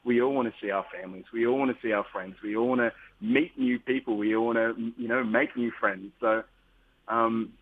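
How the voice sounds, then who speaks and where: A man's voice: medium pitch, fairly even intonation, a little fast, no room sound. A man, a musician guest, talking in a rambling, upbeat way with many restarts in a casual interview. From Australia. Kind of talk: casual interview over the phone. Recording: tinny phone line.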